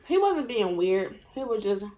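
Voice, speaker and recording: A woman's voice: mid-range voice, sing-song, unhurried, mellow. A young woman tells a story to her viewers while she eats. She is sassy and talkative and says y'all and honey. Her words come between bites, with her mouth still full. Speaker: mukbang vlogger. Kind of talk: casual story time while eating.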